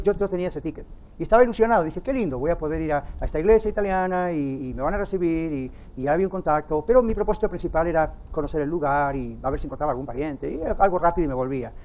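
Man, older, pastor, sermon, high-pitched, animated, rhetorical questions.

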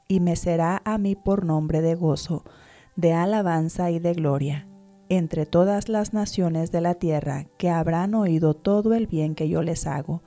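A woman giving a measured, steady reading of scripture aloud. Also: on the low side. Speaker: Bible reader. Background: soft background music.

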